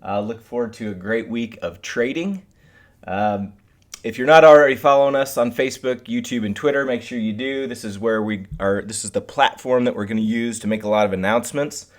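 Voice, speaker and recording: Here the live trading webcast host speaks fairly quickly in a medium-pitched voice. His style stays casual and instructional, aimed right at the people watching.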